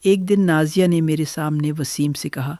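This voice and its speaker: An older woman telling her own family story in the first person, in a measured, gentle way. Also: low-pitched, fairly even intonation, no room sound, clean studio sound.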